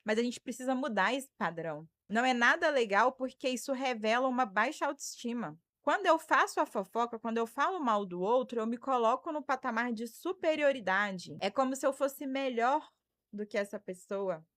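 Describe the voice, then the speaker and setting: A woman's voice: on the high side, expressive, normal speed, a bit bright, dry recording. A woman in her thirties from Brazil, a psychologist hosting a live stream, giving advice and thanking viewers by name. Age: 30s. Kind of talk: live stream talk answering viewer comments.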